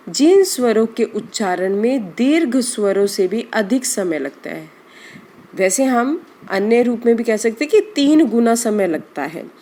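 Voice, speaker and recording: Slow, mellow-voiced woman teaching. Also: on the high side, slight background noise. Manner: slow, deliberate explanation, drawing out example sounds. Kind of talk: Hindi grammar lesson.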